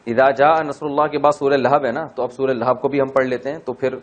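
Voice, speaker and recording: A man teaching Quran grammar in a class, explaining step by step, asking and answering his own questions, and chanting verses slowly. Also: mid-range voice, little pitch movement, slight background noise. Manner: chanted slow Arabic verse recitation. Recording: dull lo-fi recording.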